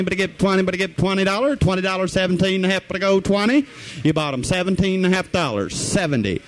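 High-pitched man rattling off an auctioneer chant. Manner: repetitive sing-song bid calling with filler phrases. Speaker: auctioneer at a household goods auction. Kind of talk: rapid rhythmic auctioneer chant.

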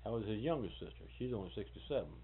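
A man's voice: lowish voice, lively intonation, rapid-fire. Folksy man in his forties. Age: 40s. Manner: rambling, folksy, self-correcting. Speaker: interviewee. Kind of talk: casual oral history talk. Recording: tinny old tape with hiss.

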